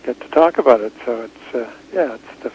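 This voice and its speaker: A man, a publisher being interviewed, chatting in a relaxed way with repeated words. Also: mid-range voice, fairly quick, slight background noise, poor audio. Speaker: book publisher and author, interview guest. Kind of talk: casual chat.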